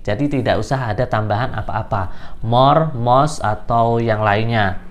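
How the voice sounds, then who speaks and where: Chatty man teaching grammar. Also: fairly high pitch. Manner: patient, explanatory, repeats key terms; chatty and informal, addresses viewers directly. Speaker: English tutor. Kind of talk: online grammar lesson.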